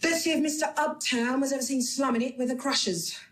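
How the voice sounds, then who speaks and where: Curt police boss. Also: female voice, high voice, fast talker, slightly rough. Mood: commanding, businesslike. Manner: curt, questioning, authoritative. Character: sceptical, commanding female police boss. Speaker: senior police detective. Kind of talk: TV crime drama dialogue.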